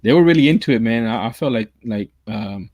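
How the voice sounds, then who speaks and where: A man's voice: mid-range voice, expressive, a little fast, darkish tone, dry recording. Rambling casual guy, full of fillers. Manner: rambling, many restarts and fillers like "man" and "dude". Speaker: podcast co-host. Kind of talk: casual wrestling chat.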